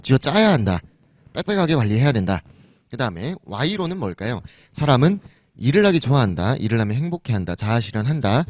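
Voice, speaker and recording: A man's voice: mid-range voice, dry recording. A man teaching an exam-prep lecture, casually asking and answering his own questions. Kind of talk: recorded lecture. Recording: dull lo-fi recording.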